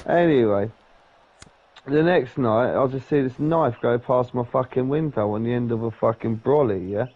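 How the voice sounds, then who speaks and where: A man's voice: mid-range voice, moderate pace. Rambling, sweary man, lo-fi sound. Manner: rambling, sweary, says "yeah?" often. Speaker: podcast co-host. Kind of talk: casual storytelling chat. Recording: dull lo-fi sound.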